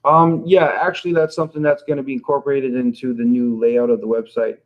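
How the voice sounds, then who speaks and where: A man's voice: medium pitch, little pitch movement, fairly quick. Laid-back man on a lo-fi stream. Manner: laid-back, laughing often, loose filler-heavy talk. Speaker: company founder answering community questions. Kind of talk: casual livestream Q&A. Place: home office.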